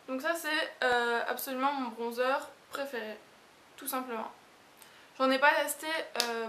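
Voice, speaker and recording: A woman's voice: sits high, bright, forceful tone. A woman casually reviewing makeup products in a chatty, rambling, hesitant way. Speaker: beauty vlogger. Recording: echoey room with hiss.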